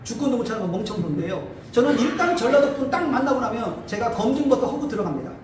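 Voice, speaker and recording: A man's voice: very high voice, animated, fast, crowd noise. A male pastor from Chungcheong giving a combative political lecture to an audience, firing rhetorical questions and repeating his phrases for emphasis. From Chungcheong, Korea. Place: lecture hall. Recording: echoey hall from a distant mic, faint noise.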